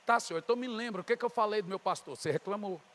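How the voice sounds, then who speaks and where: Brazilian male pastor, high bright voice, storytelling sermon with acted dialogue and shouted peaks. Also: very fast. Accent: Brazilian Portuguese. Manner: storytelling, voicing God and others in dialogue, rising to shouts.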